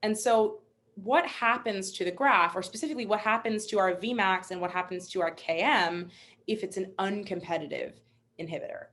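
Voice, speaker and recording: A woman's voice: mid-range voice, moderate pace, fairly bright tone. A young woman instructor teaching a live online webinar, upbeat and encouraging, chatty with fillers. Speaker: MCAT instructor.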